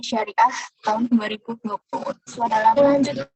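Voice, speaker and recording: A woman's voice: fairly high pitch, steady tone, moderate pace, a little mellow. A woman presenting in an online meeting, her voice breaking up over a bad internet connection, hesitant with fillers. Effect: broken-up, choppy internet call audio. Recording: distant, choppy video call audio.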